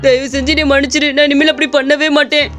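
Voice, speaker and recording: Woman playing a greedy cartoon butcher, cowardly, scheming, high-pitched, anxious. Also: fairly even intonation, fast talker, soft background music, natural voice. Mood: panicked pleading. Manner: scheming, then panicky pleading. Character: greedy, cowardly male mutton seller.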